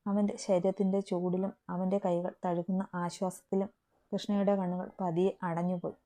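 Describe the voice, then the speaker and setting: A woman reads a romantic story aloud in a calm, even way. Her voice is notably dark and mellow, with a relaxed tone throughout. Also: lowish voice, normal speed. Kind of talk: scripted story narration.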